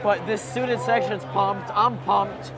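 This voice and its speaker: A man doing color commentary at a high school basketball game, reacting in excited awe. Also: a little slow, loud music behind the voice. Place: school gymnasium. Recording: loud crowd noise in a gym. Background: loud roaring crowd.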